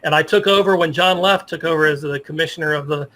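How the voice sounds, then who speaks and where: A fast-talking middle-aged American, a sports journalist, reminisces and shares anecdotes as a guest in an easygoing interview. His voice is on the high side, bright and forceful.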